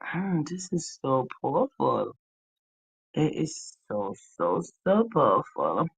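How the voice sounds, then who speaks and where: A woman's voice: low-pitched, vocal fry, no echo, dull audio. A woman hosting a live stream in casual chat, teasing her viewers and laughing often. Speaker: livestream host.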